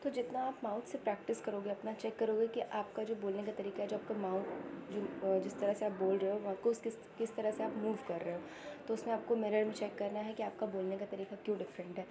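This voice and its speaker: A woman teaching an exam-prep lecture, explaining in Hindi with many fillers and reading English headings out slowly. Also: mid-range voice, flat delivery, background noise.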